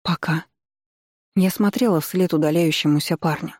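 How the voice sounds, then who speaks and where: A woman narrating a first-person story in a lively, emotional way, recorded close. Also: fairly low pitch, brisk, no room sound. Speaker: audiobook narrator.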